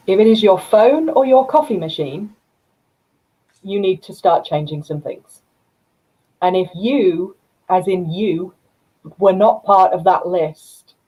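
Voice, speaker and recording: A woman with a low, mellow voice and a husky edge. She co-hosts a live business talk show and speaks bluntly, challenging listeners to make time for themselves. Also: low-quality recording. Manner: direct, challenging advice. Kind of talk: casual panel chat.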